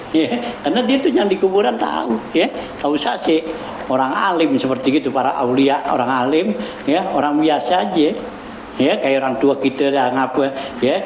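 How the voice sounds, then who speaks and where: A man's voice: on the high side, darkish tone. A man giving an informal religious study lecture, talking casually with many fillers and chuckles. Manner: casual, repetitive fillers, chuckles while teaching. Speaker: cleric teaching a weekly religious study circle. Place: prayer hall. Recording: echoey hall with background noise.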